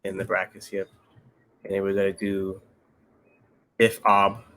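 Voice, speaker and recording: A man's voice: low-pitched, completely flat delivery, unhurried, fairly bright tone. A young man casually walking through a coding problem step by step, laid-back and patient as he studies for interviews. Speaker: interview candidate studying coding. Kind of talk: casual pair-programming chat.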